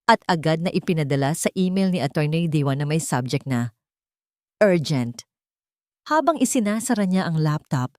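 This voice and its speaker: This is a woman with a Filipino accent reading a scripted dramatic story as narrator, her medium-pitched voice a little mellow. The studio recording is clean, with no room sound.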